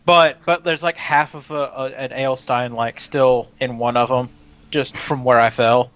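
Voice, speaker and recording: Halting man playing a tabletop game. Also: medium pitch, steady tone, a bit bright. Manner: halting, talks through his moves as he goes. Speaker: player. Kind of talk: casual tabletop role-play. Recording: dull lo-fi stream audio with faint music.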